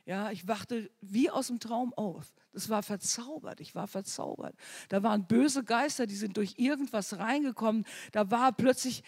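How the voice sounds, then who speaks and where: A woman preaching a charismatic sermon, telling testimonies with emphatic, storytelling delivery that rises to loud exhortation. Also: a little high, normal speed, gravelly, slightly rough. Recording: long reverb of a hall.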